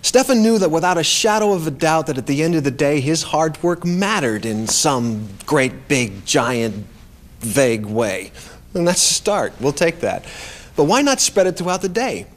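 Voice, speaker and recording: Expressive male training narrator. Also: fairly high pitch, normal speed. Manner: conversational, emphatic. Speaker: presenter.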